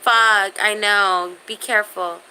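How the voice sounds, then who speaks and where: On a casual livestream, a woman in her thirties reads out viewer comments and talks straight to her audience using profane slang. Her pitch is medium and her tone steady and sharp, delivered at a slow pace. It's a rough recording with a faint background hum of noise.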